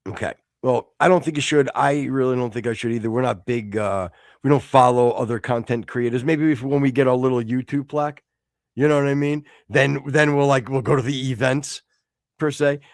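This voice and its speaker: A man from the United States co-hosting a casual podcast, rambling with many restarts and sudden excited outbursts. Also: mid-range voice, brisk, no room sound, clean studio sound. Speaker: podcast co-host.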